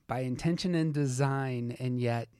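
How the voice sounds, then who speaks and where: A man's voice: medium pitch, a little slow, dark tone, clear, resonant tone, dry recording, studio quality. A man hosting a podcast, casually recapping and discussing a TV episode, narrating scenes as he goes. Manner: narrates scenes, reads out quotes, laughs easily. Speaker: podcast host.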